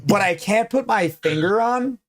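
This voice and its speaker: A man's voice: high voice, animated, moderate pace, a bit bright. A man hosting a livestream, chatting casually and teasing his guest bluntly with lots of swearing. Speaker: livestream host. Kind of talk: casual stream chat.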